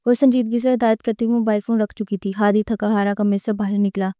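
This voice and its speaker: Mellow woman narrating a romance novel. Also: medium pitch, dry recording, studio quality. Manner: steady, even reading.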